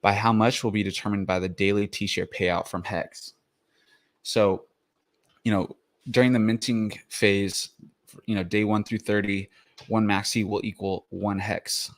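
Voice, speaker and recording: A man's voice: lowish voice, steady tone, measured pace. A man hosting a crypto explainer, talking casually with many fillers and restarts, a little out of breath after the gym. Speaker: crypto video host.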